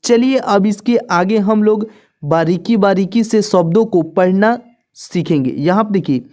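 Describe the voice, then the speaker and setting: Slow, patient woman teaching letters. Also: mid-range voice, mellow. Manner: patient, repeats each letter slowly, addresses viewers as friends. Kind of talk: slow beginner lesson.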